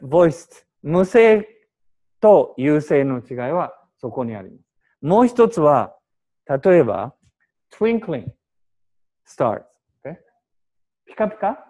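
A man teaching Japanese to a class, explaining with examples and short English glosses in a lively, animated way. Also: sits high, dull audio.

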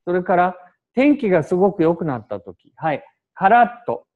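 Guy teaching a language class, mixes in english words, lively bouncy delivery. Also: sits high, normal speed, phone-quality sound. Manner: animated, explains with examples and short English glosses. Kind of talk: classroom lecture mixing Japanese and English.

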